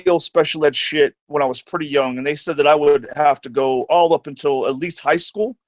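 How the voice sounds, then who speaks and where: A man hosts a live stream in casual chat, talking bluntly with some swearing and stuttering when he goes off the cuff. His voice is a little high and brisk, and the recording is dry and muffled.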